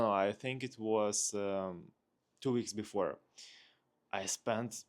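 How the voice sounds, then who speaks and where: Speaking very slowly in a fairly low voice, a Russian-accented man vlogs casually without a script. He often pauses to hunt for his next phrase, thinking out loud as he goes.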